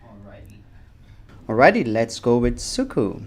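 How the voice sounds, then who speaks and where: A man's voice: mid-range voice, big pitch swings, a little slow, slight background noise. A man moderating a livestream panel, giving formal notes to viewers in a polite, announcing manner.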